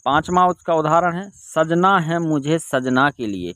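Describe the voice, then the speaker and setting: A man's voice: on the high side, lively intonation, a little slow, fairly bright tone, no echo. A man teaching an online exam-prep lesson, repeating key terms and asking and answering his own questions. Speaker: Hindi exam tutor.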